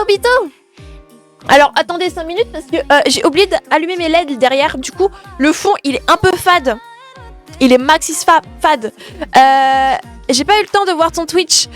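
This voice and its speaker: A woman with a very high, light voice hosts a live stream from her bedroom. She chats with her viewers, greets them by name and talks in quick, self-correcting bursts. Soft music plays faintly behind her. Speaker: gaming streamer.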